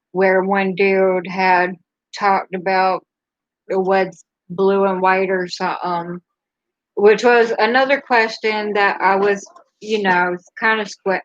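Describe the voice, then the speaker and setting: A woman's voice: mid-range voice, a bit bright, dry recording, muffled recording. A woman hosting a casual live stream, speaking candidly and rambling a little, with a laugh between her thoughts. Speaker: livestream host.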